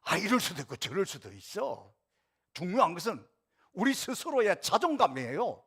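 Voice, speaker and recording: A man's voice: sits high, sing-song, moderate pace, fairly bright tone, husky. A middle-aged male pastor preaching a sermon in a church, talking to the congregation directly and acting out quoted retorts. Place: church sanctuary.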